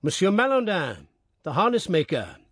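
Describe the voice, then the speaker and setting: A man's voice: high voice, huge pitch swings, moderate pace, husky, no room sound, studio quality, pitched above the performer's own voice, exaggerated voice. A man voicing a tall, grave village mayor with pompous, formal speech. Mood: accusing.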